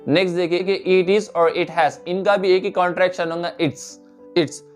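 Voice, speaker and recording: A man with a fairly high voice teaches an English lesson. He walks through each point step by step and slowly repeats the example phrases. Soft music plays faintly behind him. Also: flat delivery.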